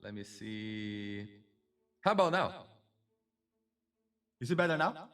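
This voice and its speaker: A man's voice: on the low side, sing-song, slow, a bit bright, far from the mic, soft background music. A man hosting a casual live stream, chatty and effusive, greeting viewers and a co-host.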